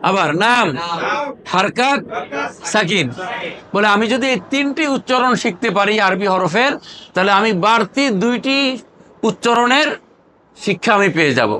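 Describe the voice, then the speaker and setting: Call-and-response drills fill this Quran recitation class, where a Bangladeshi man keeps questioning the group, gets them answering aloud and has terms chanted over and over. He sounds high-pitched, pushed and bright, with lively intonation, a moderate pace and frequent pauses.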